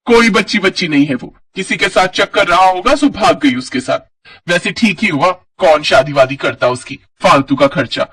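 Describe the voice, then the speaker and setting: Scolding bossy sister-in-law, a man acting her, husky high voice, distant mic. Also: moderate pace. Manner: scolding, yelling. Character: harsh bossy elder sister-in-law, shrill.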